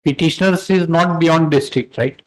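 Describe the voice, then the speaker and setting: A man's voice: a little high, moderate pace, low-quality recording. A man with an Indian accent speaking as a judge, questioning and instructing from the bench with authority. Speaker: judge presiding over a court hearing. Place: courtroom, live-streamed hearing.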